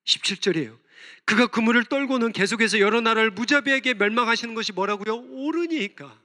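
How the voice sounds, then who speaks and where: Pastor, male, high bright voice preaching with passion in a church hall with long reverb. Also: quick pace. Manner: impassioned, voicing prayers aloud, rising and falling sharply. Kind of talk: sermon. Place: church sanctuary.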